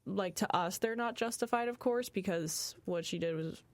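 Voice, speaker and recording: A young woman chats through a film review on a college radio show, filling her sentences with "um" and "like." Her voice sits at an ordinary middle pitch. It sounds close and dry, with no room around it. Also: normal speed, dry recording. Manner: chatty, many fillers like um and like. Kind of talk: casual film review chat.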